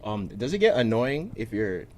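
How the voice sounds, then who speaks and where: A man's voice: medium pitch, big pitch swings, moderate pace, a little mellow. A man interviewing in a casual, informal way with plenty of slang, over faint ambient noise.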